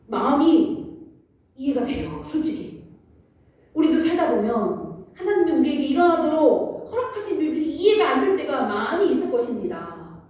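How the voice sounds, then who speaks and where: A woman's voice: high voice, dark tone. A woman pastor preaching a sermon in a church, speaking animatedly and acting out scripture quotes. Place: church sanctuary. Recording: very echoey hall, voice far from mic.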